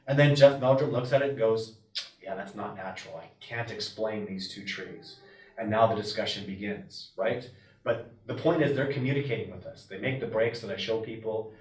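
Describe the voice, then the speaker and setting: Brief: emphatic man, wilderness expert type, animated delivery, mic set back in an echoey room. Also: medium pitch. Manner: emphatic, animated, often voices what others might say. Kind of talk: passionate interview talk. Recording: roomy and distant from the mic.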